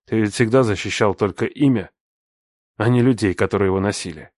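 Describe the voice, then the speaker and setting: A man's voice: lowish voice, brisk, a little mellow, dry recording, clean studio sound, lightly acted. A man voicing a grown son who answers his father with terse, bitter retorts in an audiobook reading. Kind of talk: audiobook narration.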